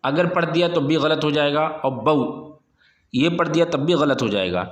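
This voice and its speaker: Man spelling syllables slowly, roomy echo. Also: on the high side, lively intonation. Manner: patient, repeats syllables slowly and drawn out for the learner. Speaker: Quran reading teacher. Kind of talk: slow spelled-out recitation lesson.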